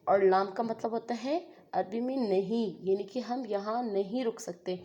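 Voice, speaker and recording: A woman teaches Quran recitation step by step. She chants phrases slowly and stretches them out, then explains each rule by asking and answering her own questions. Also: medium pitch, mellow, dull audio. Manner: slow, drawn-out recitation between patient explanations. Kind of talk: step-by-step tajweed lesson.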